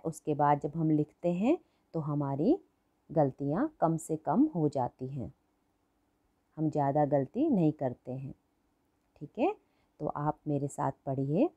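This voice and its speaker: Slow, low-voiced woman teaching children. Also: mellow. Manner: patient, repeats words and asks the class questions. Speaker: primary school Hindi teacher. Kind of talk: slow classroom lesson for children.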